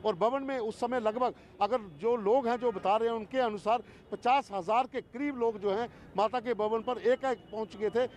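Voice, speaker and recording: A man's voice: very high-pitched, steady tone, moderate pace, few pauses, darkish tone. A male field reporter giving an emphatic, explanatory live report from outdoors. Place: outdoors at a busy pilgrimage town. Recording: outdoor crowd noise. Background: crowd.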